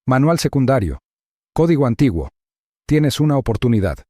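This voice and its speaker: A man's voice: mid-range voice, very animated, normal speed, no room sound, clean studio sound. A man doing a terse, secretive older steward. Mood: hushed. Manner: hushed, clipped. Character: older male flight attendant, terse and secretive.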